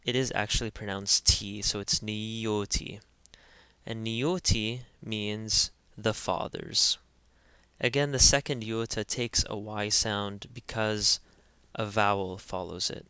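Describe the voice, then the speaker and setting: A man teaching pronunciation in an instructional voice-over, carefully spelling out each sound and repeating every word slowly. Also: on the low side, bright, forceful tone, clear, resonant tone, dry recording. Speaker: language teacher.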